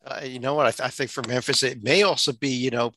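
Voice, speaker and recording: East coast guy hosting a sports podcast, bright voice, laid-back, lots of uh's. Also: mid-range voice, steady tone, quick pace. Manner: easygoing, with fillers and restarts. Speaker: podcast host. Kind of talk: casual sports podcast chat.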